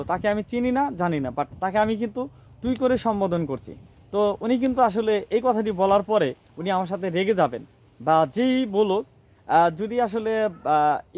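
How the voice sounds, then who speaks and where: A man giving a spoken English grammar lesson, explaining step by step and slowing down to spell out example phrases. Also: sits high, darkish tone. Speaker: English teacher.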